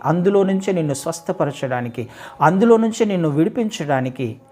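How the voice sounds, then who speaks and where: A man preaching a sermon who asks his listeners questions, repeats phrases in building series, and swings between loud calls and low, slow stretches. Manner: asks rhetorical questions, addresses listeners directly.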